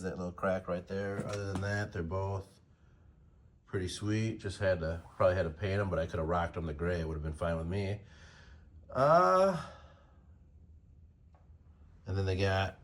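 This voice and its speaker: This motorcycle vlogger, an American in his forties, chats informally into his phone in a loose, slangy ramble. His voice sits low and moves at normal speed, and there's a bit of hiss or hum on the recording.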